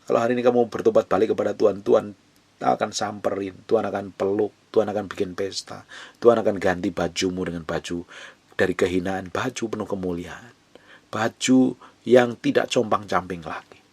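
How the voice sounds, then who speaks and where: Male preacher, low husky voice, dry close sound, fervent and repetitive delivery. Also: fairly even intonation, a little fast, no room sound. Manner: fervent, repetitive, swings between loud urging and hushed whispers. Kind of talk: sermon.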